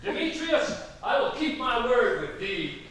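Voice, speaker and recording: Man acting a high-pitched, swooping, scornful Lysander. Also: very animated, a little slow, full character voice. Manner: declamatory, exaggerated stage delivery. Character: scornful, lovestruck young Athenian gentleman. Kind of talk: staged reading of Shakespearean comedy. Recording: echoey room from far off, faint noise.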